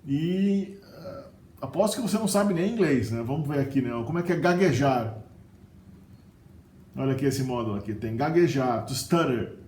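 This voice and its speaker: A man's voice: medium pitch, a little mellow, a little hiss or hum. A middle-aged man with a Brazilian Portuguese accent, giving a casual video lesson on vocabulary, often tagging sentences with a questioning "né?". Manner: chatty, often adds "né?". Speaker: language teacher. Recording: roomy echo with faint ambience.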